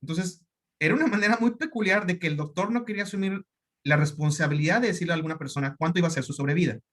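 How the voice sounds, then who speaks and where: A man with a Mexican accent, a doctor giving a conference talk, telling anecdotes in a lively way and acting out the dialogue. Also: sits high, rapid-fire. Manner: lively storytelling, acts out quoted dialogue.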